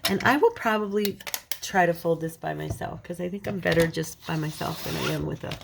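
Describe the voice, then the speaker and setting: A woman with a slight cold chats casually as she folds paper for a crafting tutorial, poking a little fun at herself while she works. Her voice is lowish and brisk with vocal fry, and there's background noise.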